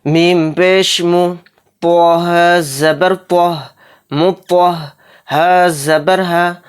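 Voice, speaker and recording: A Quran recitation teacher giving a step-by-step lesson. The teacher spells out each syllable slowly, explains each rule in brisk asides, and answers their own questions. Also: mid-range voice, fairly even intonation, clear, resonant tone.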